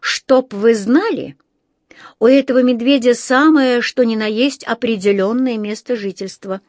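A woman's voice: on the high side, lively intonation, normal speed, no room sound, clean studio sound. A woman doing a stern scolding housekeeper. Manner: forceful, scolding. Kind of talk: storybook reading.

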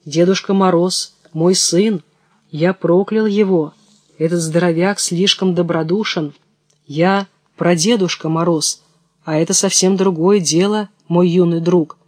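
A man voicing an ancient icy frost spirit, slow and cold. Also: high-pitched, steady tone, darkish tone, no room sound. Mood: cold, measured. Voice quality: thin, ringing voice. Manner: slow, measured, as if dictating from a book.

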